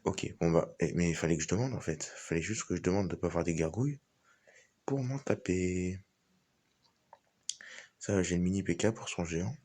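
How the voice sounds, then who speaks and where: A man's voice: low-pitched, normal speed, long pauses, mellow. A man giving casual, informal live commentary on a game as he plays, thinking aloud. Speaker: gaming video host.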